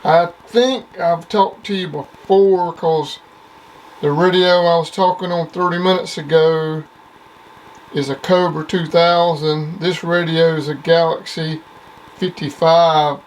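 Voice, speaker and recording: Talking from his home CB base station, a middle-aged or older radio operator chats plainly and casually, leaning on repeated CB jargon. His voice is on the high side with fairly even intonation and a slow pace, and the audio is poor, with faint background noise.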